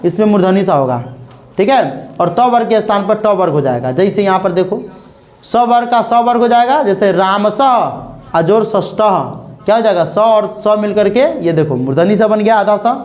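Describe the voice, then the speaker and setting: Expressive and a little mellow, his high voice carries a Bihar Hindi accent as he teaches grammar to a class. He repeats words, spells examples out slowly, and checks in with "clear?" again and again.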